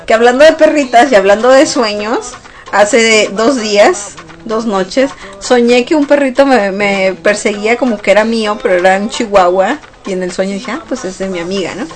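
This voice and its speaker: A woman hosting a radio show, telling stories in a lively way with frequent laughs. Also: mid-range voice, moderate pace, soft background music. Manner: lively storyteller, laughs often. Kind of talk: casual radio chat.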